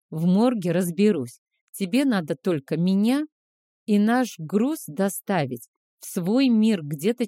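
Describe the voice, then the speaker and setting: A woman reading aloud and voicing a tender, commanding adult male clan leader who calmly lays out a plan. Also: mid-range voice, no room sound, studio quality, close to an everyday voice.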